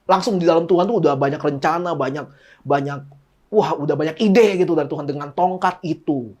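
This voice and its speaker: A man's voice: on the high side, brisk, a little mellow. Casual pastor, man, jokey, acts out dialogues. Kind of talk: casual sermon.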